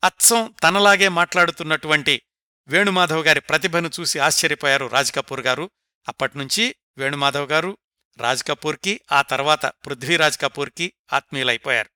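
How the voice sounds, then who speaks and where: Male narrator, fairly high, very bright tone; scripted biography read, dry close mic. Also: fairly quick, smooth, no room sound.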